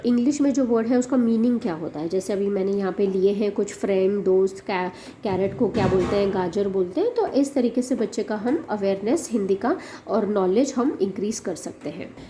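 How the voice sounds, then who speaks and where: A woman's voice: mid-range voice, brisk, mellow, a little hiss or hum. Woman explaining worksheets, hesitant. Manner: hesitant, many fillers, mixes English into Hindi. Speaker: special education channel host.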